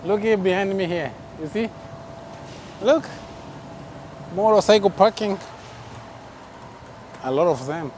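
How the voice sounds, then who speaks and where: Man, travel vlogger, casual and chatty, laughs a lot, outdoor city market, camera mic, fairly high voice, clear street noise. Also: slow, pauses often, darkish tone, rough recording. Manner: chatty, laughs often, talks to passers-by. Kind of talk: casual travel vlog narration.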